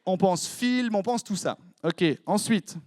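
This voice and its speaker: A young man with a Swiss French accent, preaching as a youth pastor in a lively, joking way, quizzing his congregation. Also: high-pitched, dry recording, clean studio sound. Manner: playful, jokey, quick asides to the crowd. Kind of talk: lively sermon with audience interaction. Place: church hall before a congregation.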